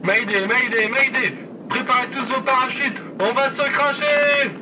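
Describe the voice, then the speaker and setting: A man playing an airline pilot making loud cabin announcements, a little back from the mic. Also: very high-pitched, fairly even intonation, a little slow, far from the mic, noisy background, pitched above the performer's own voice. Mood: panicked alarm. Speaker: food-tasting vlogger.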